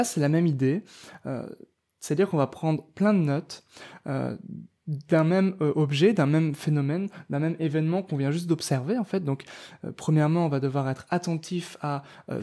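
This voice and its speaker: Mellow-voiced French man teaching poetry. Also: fairly high pitch, moderate pace. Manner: direct, informal, many fillers and restarts, addresses viewer as tu. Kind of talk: casual spoken tutorial to camera.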